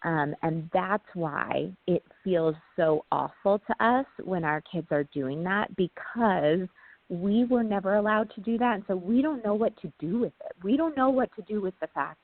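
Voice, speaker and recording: A woman guest speaking as a parenting trainer, explaining casually, often pausing on "um" and checking in with "right?". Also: medium pitch, lively intonation, no room sound. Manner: talks through ideas with frequent "um" and tag "right?". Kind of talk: casual explanatory interview talk. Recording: tinny phone-like line, dry.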